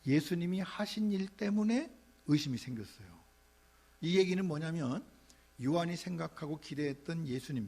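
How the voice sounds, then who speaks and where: Gravelly-voiced Korean pastor preaching. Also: male voice, a little high. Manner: animated preaching, shouting out quoted rebukes. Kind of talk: sermon.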